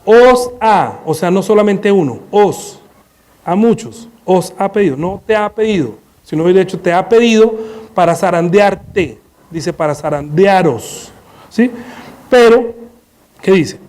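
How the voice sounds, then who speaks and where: A man preaching a sermon in church on a headset mic, animated, acting out scenes and firing rhetorical questions. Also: sits high, unhurried.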